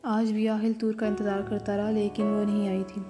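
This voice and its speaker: Lady reading a romance story, steady and measured, music playing underneath. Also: medium pitch. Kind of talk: scripted romance story narration.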